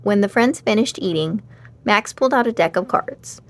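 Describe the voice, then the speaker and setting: In a mid-range voice and at normal speed, a woman narrates a children's storybook with an expressive read-aloud delivery.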